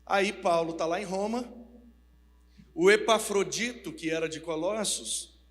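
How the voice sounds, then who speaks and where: A man pastor telling a folksy, animated storytelling sermon. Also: high voice, measured pace. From Minas Gerais, Brazil. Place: large church hall. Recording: reverberant church hall, mains hum.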